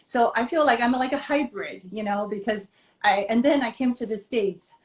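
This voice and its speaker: On a live-streamed conversational interview, a children's author born in Taiwan talks at a normal speed in a slightly high voice. Her manner is earnest and reflective, her phrasing a little non-native and full of filler words. She's heard through a video call, and the room around her echoes.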